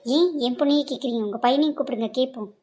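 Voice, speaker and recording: A woman's voice: sits high, racing, warm tone, a little hiss or hum, lightly acted. A woman voicing a fiercely protective middle-aged mother in a cartoon drama, confronting her in-laws with accusations. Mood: angry.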